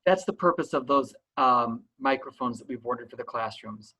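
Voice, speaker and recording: A man's voice: mid-range voice, animated, moderate pace, sharp tone, husky, rough recording. A man gives an online school orientation as principal, explaining things in a reassuring way.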